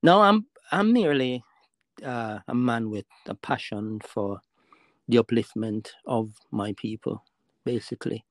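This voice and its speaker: Jamaican-born man, podcast guest on a call, halting and full of fillers, mid pitch, dry recording. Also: dry recording. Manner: halting, with many fillers and restarts. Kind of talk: casual interview talk.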